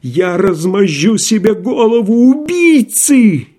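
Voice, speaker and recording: A man voicing an enraged male asylum inmate who shouts hoarsely in an audiobook. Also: very high voice, very slow, voice pushed up, heavily acted. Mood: furious.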